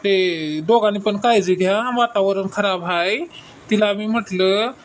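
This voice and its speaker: A woman's voice: medium pitch, steady tone, unhurried, a little hiss or hum, natural voice. A woman playing a sheepish, stammering husband. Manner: hesitant, stammering, placating. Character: bumbling middle-aged husband, sheepish and evasive. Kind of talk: comic skit acting.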